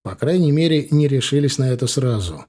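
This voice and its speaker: Man narrating in a lively, cool voice. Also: medium pitch, a little fast. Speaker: audiobook narrator. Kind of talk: first-person audiobook narration.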